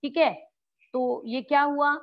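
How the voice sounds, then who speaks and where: Woman teacher explaining grammar to a class, acts out examples, answers her own questions; slightly high voice on a muffled recording. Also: slow pace. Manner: acts out example exclamations with lively swings in tone. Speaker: school Hindi teacher.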